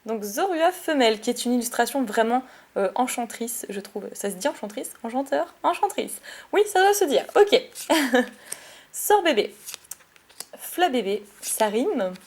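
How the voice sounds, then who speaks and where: Woman, somewhat high voice, excitable and giggly, casual card-unboxing vlog chatter. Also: unhurried. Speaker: YouTuber opening trading card packs.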